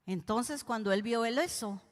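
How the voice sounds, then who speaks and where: A woman's voice: on the high side, moderate pace. Woman preaching her testimony. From Guatemala. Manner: emotional, addresses listeners directly. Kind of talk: testimony sermon. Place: church hall. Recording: long hall reverb.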